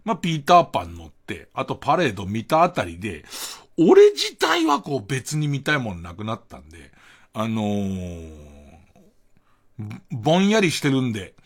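A man's voice: mid-range voice, huge pitch swings, normal speed, husky. A middle-aged man hosting a late-night radio monologue, rambling in a self-mocking way with chuckling asides, on a close studio mic. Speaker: radio host.

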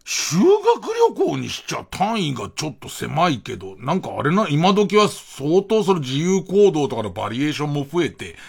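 A man's voice: a little high, wildly swooping pitch, normal speed, creaky, hardly any pauses, breathy edge. A middle-aged man hosting a late-night radio monologue, rambling in a self-mocking way with chuckling asides, on a close studio mic. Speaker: radio host.

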